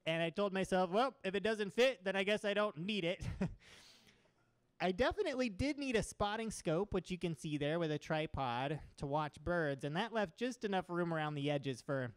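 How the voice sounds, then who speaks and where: Holding a mic in one hand and gesturing with the other, a young Oregon man delivers an excited slide presentation as a guest speaker to a packed small room of seated listeners. He sounds high, animated, and clean at a normal speed, with no room sound.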